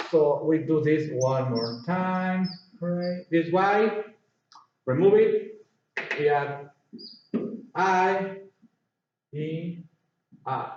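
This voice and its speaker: A man teaching an English grammar lesson, slowly repeating words and spelling letters out. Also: sits high, darkish tone, a little hiss or hum. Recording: echoey, distant, dull room sound.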